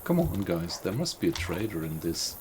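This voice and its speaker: A man's voice: deep voice, sing-song, normal speed, a little mellow, a little hiss or hum. A man giving casual gameplay commentary, musing to himself and asking himself questions as he goes. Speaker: gaming video host.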